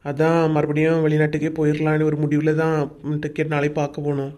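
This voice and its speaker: A woman's voice: low voice, completely flat delivery, quick pace, mellow, natural voice. A woman with a Kanyakumari Tamil accent voicing a teasing young husband in a cartoon story. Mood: explaining. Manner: teasing, dismissive.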